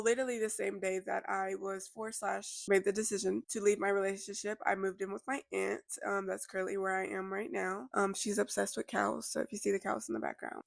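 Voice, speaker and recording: A woman's voice: mid-range voice, vocal fry, dry recording, studio quality. A woman talking candidly in a sit-down vlog, reflective and rambling, sounding congested with slightly slurred words, recorded indoors at home. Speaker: vlogger. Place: indoors at a relative's house.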